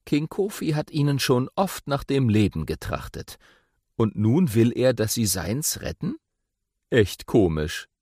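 A man reading a children's audiobook aloud with expressive, playful storytelling. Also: mid-range voice, unhurried, dry recording, clean studio sound. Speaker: audiobook narrator.

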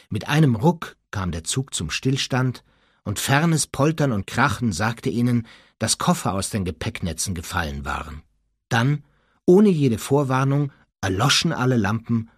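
Husky-voiced man reading an audiobook. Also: medium pitch, no room sound, clean studio sound. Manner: expressive storytelling, voicing the characters. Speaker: narrator.

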